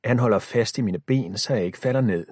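A man narrating a children's story in the first person, expressive and shifting pace with the tension. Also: lowish voice, husky, no echo, studio quality. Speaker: audiobook narrator.

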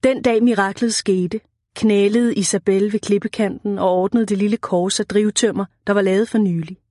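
A woman narrating an audiobook at a measured, even pace, in a middle pitch for a woman. The recording is dry and close, with no room sound at all. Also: dry recording.

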